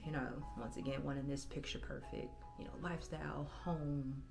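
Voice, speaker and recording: A woman in her thirties, hosting her own channel, talks reflectively from her bedroom in a halting, self-correcting way. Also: low voice, level tone, vocal fry, over music. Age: 30s. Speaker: channel host. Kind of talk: personal vlog monologue.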